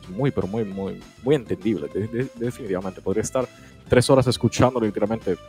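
A man's voice: fairly low pitch, fast, darkish tone. A man chatting casually as a guest co-host of a live stream, laughing a lot and stammering, with faint music in the background. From Italy. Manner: chatty, laughs often, stammers and repeats words.

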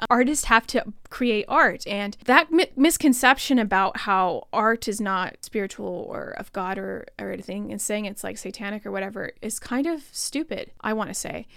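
A woman's voice: a little high, clean tone, no echo, clean studio sound. A woman in her twenties hosting a solo podcast, talking in an impassioned, rambling, conversational way with many asides. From Utah. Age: 20s. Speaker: podcast host.

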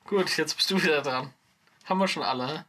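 A man's voice: on the high side, quick pace, sharp tone. A man from southern Hesse chatting casually and joking with a friend. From southern Hesse, Germany. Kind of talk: casual chat.

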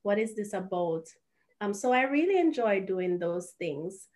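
A woman from Jamaica, a guest author answering interview questions in a thoughtful, measured way. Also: mid-range voice, animated, darkish tone.

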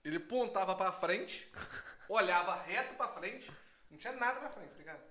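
A man's voice: high voice, animated, moderate pace, pushed and bright, roomy sound, slight background noise. A young Brazilian man with a Brazilian Portuguese accent, telling a laid-back, slangy story to friends in casual chat. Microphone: phone recording.

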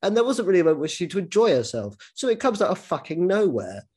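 Animated, sweary male podcast host. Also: sits high, fast talker, husky. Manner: animated, frequent swearing and false starts. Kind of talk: casual podcast chat.

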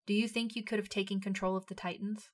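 A woman's voice: medium pitch, flat delivery, quick pace, close to an everyday voice. A woman voicing a level-headed young male soldier who reasons earnestly with an angry friend in a read-aloud story.

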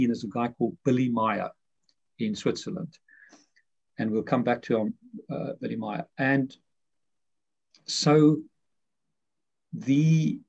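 A man's voice: mid-range voice, creaky, darkish tone, slightly rough. A man, a guest author, explaining his ideas in a rambling way full of fillers and restarts. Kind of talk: conversational explanation. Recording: muffled lo-fi audio.

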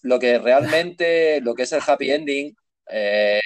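A man's voice: mid-range voice, slow pace, no room sound. Male host, laid-back storyteller, close dry mic. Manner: relaxed, storytelling, repeats himself. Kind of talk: casual chat.

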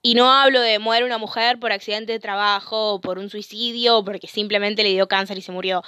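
A young woman with an Argentine Spanish accent hosting a solo podcast, talking in an indignant, sweary and animated way. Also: medium pitch, fairly quick, clean tone, no echo, clean studio sound. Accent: Rioplatense Spanish. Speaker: podcast host.

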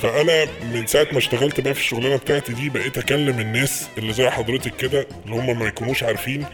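A man's voice: mid-range voice, steady tone, over music. An Egyptian man making a prank phone call. He speaks politely and keeps stumbling over and repeating his words. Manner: polite and fast, with many hesitations and repeated words. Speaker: prank caller posing as an official.

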